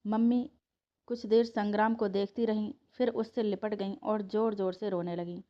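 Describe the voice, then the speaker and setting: A woman reading a family story aloud as scripted narration, in a steady, emotive storytelling manner. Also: medium pitch, moderate pace, lo-fi sound.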